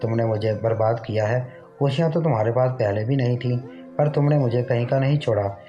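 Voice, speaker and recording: A man's voice: mid-range voice, fairly quick, mellow, soft background music, natural voice. A man voicing a young wife who is desperate and furious, speaking with an angry, pleading edge on a dull lo-fi recording. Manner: pleading angrily.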